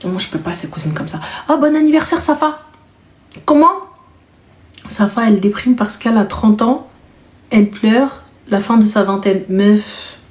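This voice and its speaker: A woman's voice: mid-range voice, animated, normal speed, darkish tone, roomy sound. A woman in her thirties hosting a live stream and taking callers, talking in a casual, teasing and joking way. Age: 30s.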